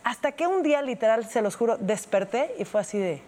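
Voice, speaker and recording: A Mexican woman from Guadalajara chatting on a podcast, telling her story with lively energy and acting out the voices of the people in it. Her voice sits a little on the high side, and she talks in a loose, friendly, conversational way. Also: a little fast. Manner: animated storytelling, acting out quotes. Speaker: podcast co-host. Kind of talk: casual chat.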